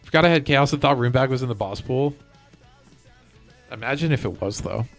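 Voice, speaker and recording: Over soft background music, a game streamer chats casually on a live stream in an animated, mid-range voice at a fairly quick pace. He rambles, jumping from one thought to another.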